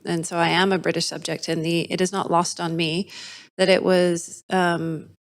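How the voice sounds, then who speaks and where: A woman's voice: fairly low pitch, flat delivery, moderate pace. A woman, a city councillor who grew up in the UK, speaking informally with many fillers at a council meeting. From United Kingdom.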